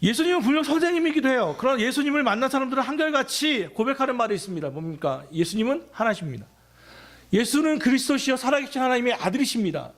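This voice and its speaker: Man, pastor, church sermon, high voice, lively swooping pitch, chatty rhetorical questions. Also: fast talker. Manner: conversational preaching with rhetorical questions.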